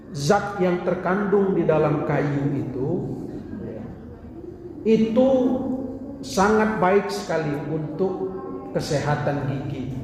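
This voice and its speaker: A man with an Indonesian accent teaching an evening religious study lesson in a mosque, slow and measured, reciting Arabic text and explaining it. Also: on the high side. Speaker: Islamic teacher. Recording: echoey mosque hall, distant mic.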